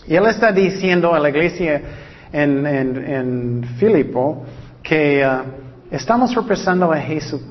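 A man preaching a sermon, repeating key words for emphasis and reading scripture slowly and deliberately. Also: a little high, big-room sound. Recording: dull lo-fi recording.

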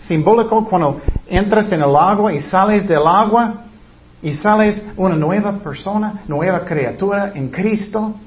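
A man preaching a sermon in earnest, emphatic Spanish with some grammar slips, repeating his key points. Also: sits high. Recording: dull lo-fi recording.

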